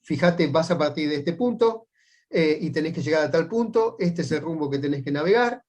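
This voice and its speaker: A man with a Rioplatense Spanish accent teaching a sailing class, explaining step by step and often checking in with quick "right?" tags. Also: a little high, expressive, darkish tone. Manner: patient, methodical step-by-step explaining. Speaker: sailing instructor.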